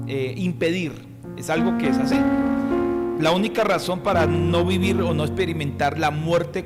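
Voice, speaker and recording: A male pastor from Colombia preaching a sermon, asking the congregation questions and reading scripture aloud. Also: high voice. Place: church hall. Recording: reverberant church hall with music. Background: music.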